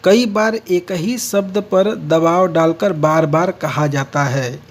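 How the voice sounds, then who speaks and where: A man gives a lecture on speech errors, explaining each point step by step and often repeating and restating key words. His voice is a little high, and he speaks slowly.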